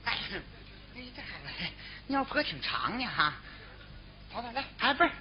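A boisterous young brother-in-law, played by a woman, jokes and teases in a Northeastern Chinese accent. The voice sits high and swings widely in pitch. It is heard through a somewhat dull recording with a faint hiss. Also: big pitch swings, normal speed. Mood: teasing. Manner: teasing, boisterous banter. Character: brash joking young brother-in-law man. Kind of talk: errenzhuan stage comic duet.

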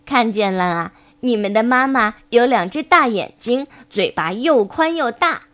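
A woman's voice: fairly high pitch, expressive, measured pace. A woman voicing an affectionate mother duck in a children's story, in a friendly way. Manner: warm, friendly.

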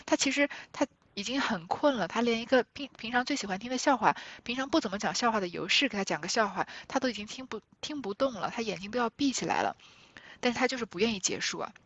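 A woman's voice: fairly high pitch, animated, quick pace, a bit bright, no room sound. A woman lecturer retelling and explaining a classic novel, narrating with small restarts and trailing particles. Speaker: literature lecturer. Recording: dull dry recording.

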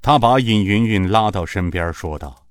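A male narrator tells the story in a fairly low voice that rises and falls freely. He shapes each sentence with expressive, storytelling emphasis. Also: normal speed, dry recording. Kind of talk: audiobook narration of a martial-arts novel.

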